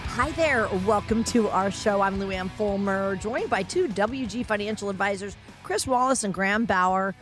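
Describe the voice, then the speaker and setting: A woman's voice: medium pitch, normal speed, hardly any pauses, faint music behind. A woman hosting a radio talk show, upbeat and chatty as she reads out contact details and prompts her guests. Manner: upbeat, chatty, laughs often.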